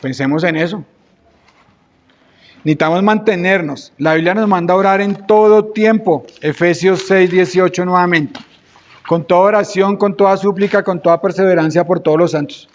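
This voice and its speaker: Colombian male preacher, earnest, exhorting tone, rhetorical questions, slightly high voice. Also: moderate pace. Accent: Colombian Spanish. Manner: acts out prayers in quoted voices. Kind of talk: sermon.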